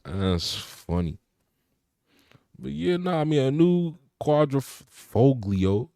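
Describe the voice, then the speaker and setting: A man's voice: medium pitch, sing-song, slow, gravelly, dark tone, dry recording, studio quality. A young man co-hosting a podcast, chatting casually about cars, laid-back with lots of "you know" fillers. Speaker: podcast co-host. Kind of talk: casual car chat.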